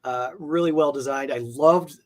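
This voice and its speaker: A comic art collector with a medium-pitched voice speaks at a normal pace as an interview guest. He's casual and enthusiastic, rambling about comic art and peppering everything with "like".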